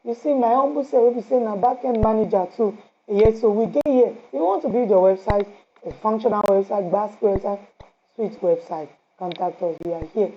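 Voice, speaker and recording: A woman's voice: mid-range voice, a little fast. A woman with a Nigerian accent giving an impassioned, pleading radio address with many repeated phrases. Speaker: radio host. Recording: slightly dull audio with faint noise.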